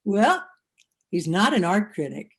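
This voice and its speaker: Picked up over a video call, this actress voices an overthinking, witty, anxious character from a one-act comedy, tossing off wry asides in a stage inner monologue. Her mid-range voice is very animated and slightly rough, and the performance is heavily acted.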